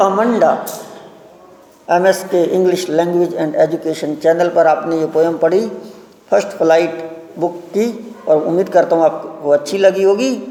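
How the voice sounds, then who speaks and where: A man teaching a live English class, reading a poem slowly and explaining each line in Hindi. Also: on the high side, mellow. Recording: echoey room with long reverb.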